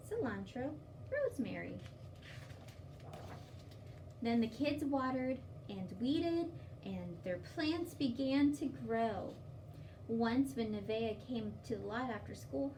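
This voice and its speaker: Speaking in a fairly high, mellow voice, a library storytime host reads to young children and explains things in simple, instructive phrases. A distant mic captures her along with faint background noise.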